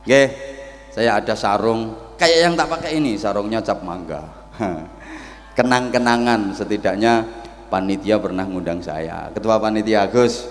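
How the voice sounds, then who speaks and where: A man preaching a joking, lively sermon to a village gathering through a microphone. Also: on the low side, unhurried. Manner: joking, lively storytelling to the crowd. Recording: reverberant PA with faint noise.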